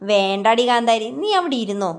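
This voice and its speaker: Woman reading as a proud old grandfather, brisk, dismissive, audio story. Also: on the high side, expressive, lightly acted. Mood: brushing off. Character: stubborn old grandfather, proud of his strength.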